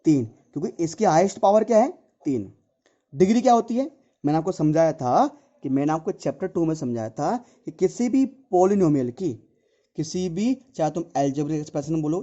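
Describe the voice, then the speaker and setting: A male tutor works through a math lesson, asking his class questions and answering them himself, saying each point over and over. His voice is deeply mellow and dark yet sits a little high. The recording sounds dull and lo-fi. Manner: repetitive, asks and answers his own questions, addresses students as dear children.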